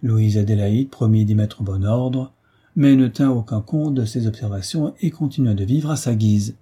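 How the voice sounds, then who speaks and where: Dark husky male narrator. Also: fairly low pitch, moderate pace. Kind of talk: audiobook reading of a classic novel.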